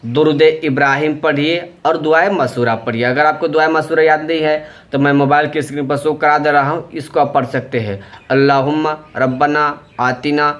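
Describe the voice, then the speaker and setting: A man's voice: a little high, a bit bright, muffled recording. A man giving patient, step-by-step instructions for a prayer, going through each step plainly and repeating them. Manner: plain, patient, repetitive explaining. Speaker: religious teacher.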